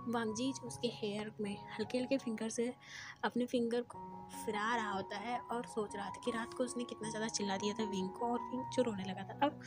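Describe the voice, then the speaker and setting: A woman narrating a fan fiction story in a plain, steady storytelling manner. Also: a little high, a little fast. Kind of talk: reading a story aloud. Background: background music.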